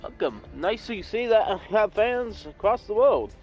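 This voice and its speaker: A man's voice: high-pitched, very animated, measured pace, dull audio, soft background music. A man in his twenties from California giving casual, rambling gameplay commentary and correcting himself as he goes. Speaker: gaming YouTuber.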